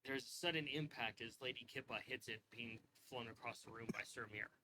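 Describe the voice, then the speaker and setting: A man narrating a tabletop game as game master, relaxed and rambling with frequent fillers. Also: mid-range voice, a little fast, background noise.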